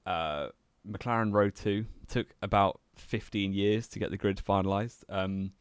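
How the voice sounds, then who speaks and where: A young man in casual podcast chat, with a low, deep voice recorded close and dry. He is relaxed and teasing and laughs easily between points. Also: unhurried, clean tone, no room sound. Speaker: podcast co-host.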